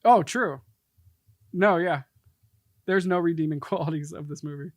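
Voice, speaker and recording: Male co-host, slightly high voice, easy laugher, dry studio sound. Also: normal speed, no room sound. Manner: laughs easily, agreeable replies. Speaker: podcast producer sitting in as co-host. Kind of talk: casual chat.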